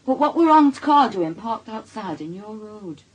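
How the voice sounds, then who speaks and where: In a naturalistic radio drama, an actress with a Northern English accent plays a shrewd, suspicious wife whose dry, bitter wit comes out in pointed, probing questions. Her female mid-range voice is sing-song and unhurried, captured on a low-quality recording, and she sounds suspicious and sarcastic.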